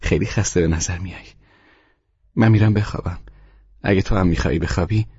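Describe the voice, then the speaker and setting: A man reading Stella, a gentle young woman. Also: sits low, breathy edge, no echo. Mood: easygoing. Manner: soft, relaxed, plain talk. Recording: dull, dry studio read.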